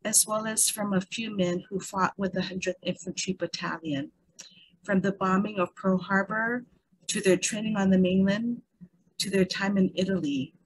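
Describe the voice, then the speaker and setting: A woman's voice: mid-range voice, fairly even intonation, normal speed, breathy edge, no room sound, low-quality recording. A woman presenting at an online meeting, summing up in an earnest, scripted way and listing points one by one.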